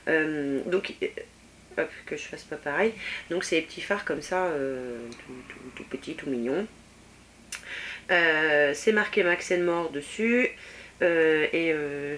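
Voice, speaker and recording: Femme vloggeuse beauté, voix un peu grave, ton décontracté, plein d'hésitations, léger souffle de fond. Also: female voice, lowish voice, a bit bright, slight background noise. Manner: chatty, many fillers, swatching products on her hand. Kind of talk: casual makeup haul review.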